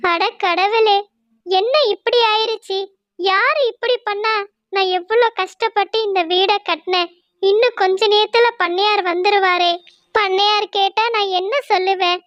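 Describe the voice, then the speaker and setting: A woman's voice: very high-pitched, fairly even intonation, normal speed, a bit bright, dry recording, muffled recording. A woman voicing Laila, a hardworking, honest young female crow who builds houses in a cartoon story. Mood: distressed. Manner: earnest, pleading.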